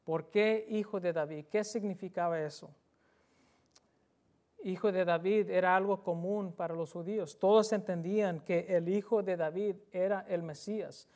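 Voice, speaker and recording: Guy preaching a sermon, fairly high voice, earnest and emphatic, keeps repeating phrases. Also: fairly even intonation, normal speed, darkish tone. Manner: asks the listeners direct questions.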